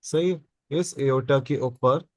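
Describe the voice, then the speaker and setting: A man's voice: medium pitch, slow, no echo. Man lecturing biology to a class. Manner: asks the class questions and answers them himself, repeats key terms. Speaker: biology teacher.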